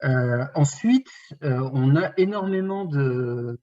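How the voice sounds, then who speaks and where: Brief: male forester on a bad web call, camera off, voice doubled and echoing, dull lo-fi sound, halting delivery full of fillers. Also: mid-range voice, animated, dark tone, slight background noise. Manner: hesitant, many fillers. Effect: voice heard doubled, echoing over a poor connection. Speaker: forester speaking at an online conference. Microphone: video call, camera off. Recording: muffled lo-fi video call line.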